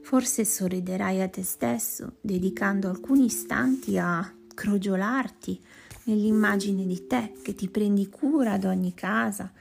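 A woman leading a guided meditation in a slow, soft voice that often sinks to a whisper. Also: mid-range voice, vocal fry. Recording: music playing behind voice. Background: plucked guitar music.

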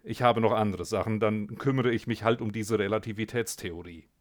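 A man's voice: fairly low pitch, fairly quick, close to an everyday voice. A man voicing a panicky, trembling male scientist in a storybook reading, his voice raised and strained. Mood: agitated.

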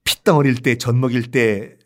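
A man voicing a disguised avenger speaking low and hushed to himself and his friend. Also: steady tone, normal speed, natural voice. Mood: wistful.

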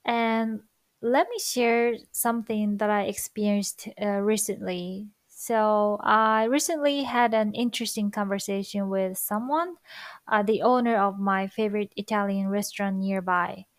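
A language-learning vlogger, a woman whose first language is Japanese, speaks with a Japanese accent in a mid-range voice with fairly even intonation. She shares reflective thoughts with viewers slowly and carefully, using soft fillers. There's no room sound.

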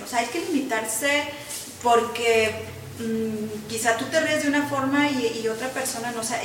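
A young adult woman hosts the conversation. She is chatty, agrees often and asks follow-up questions. Her slightly high voice is picked up from a distance in a very echoey room with faint noise behind. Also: fairly bright tone. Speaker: interviewer host. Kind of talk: conversational interview.

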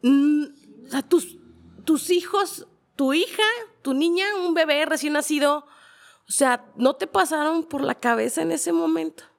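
A woman hosting a podcast, asking gentle, probing questions. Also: sits high, unhurried, gravelly. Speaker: podcast host. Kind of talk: interview questioning.

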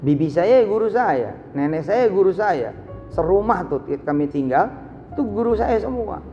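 A man preaching a live sermon, telling stories with sudden swings from low asides to high exclamations. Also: animated, moderate pace, in a large hall, dull audio, faint music behind. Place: large hall, live event.

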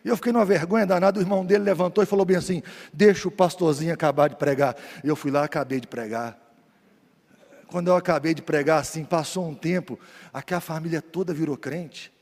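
Pastor, man, high voice, story sermon, echoing church hall. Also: quick pace. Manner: lively storyteller, swings from loud preaching to quiet asides.

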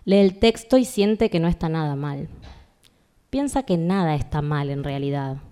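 A woman calmly reading a literary fragment aloud in a measured way, as host of a literary talk. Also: low voice, clean tone.

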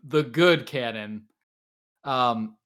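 A podcast host chats casually, teasing, swearing freely and throwing around slang like "dude." His voice is medium-pitched and a bit bright, and he speaks very slowly.

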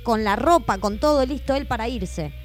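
An Argentine woman co-hosts a casual radio chat, telling family stories with a lot of melody in her voice. She sits on the higher side of her range and bounces through it, acting out the people she describes. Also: moderate pace, faint music behind. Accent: Argentine Spanish. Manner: animated, acts out family scenes. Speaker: co-host.

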